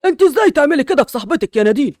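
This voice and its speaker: A woman's voice: sits high, animated, very fast, darkish tone, no room sound, studio quality. A woman with an Egyptian accent playing a stern male school principal who scolds in an authoritative way.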